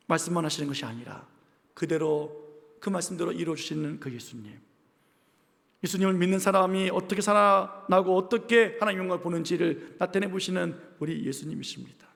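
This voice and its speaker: A male pastor delivers a passionate Sunday sermon in a high, gravelly voice, firing rhetorical questions at the congregation. His voice rings through a church hall with a long, echoing reverb. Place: church sanctuary.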